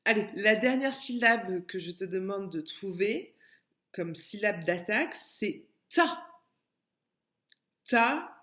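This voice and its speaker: A French woman teaching young children in a recorded lesson, speaking gently and stretching out syllables. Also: medium pitch, animated. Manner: slow, gentle, drawn-out syllables for small children. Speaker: preschool teacher. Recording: echoey room.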